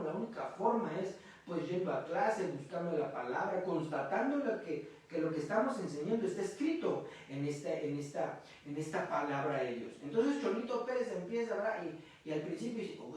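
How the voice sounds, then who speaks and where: A man preaches a sermon in a church, speaking slightly high and talking loosely, full of fillers and the repeated question "¿verdad?". His voice rings with heavy echo and sounds distant from the microphone, as though picked up from across a hall. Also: darkish tone. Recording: very echoey room from a distance.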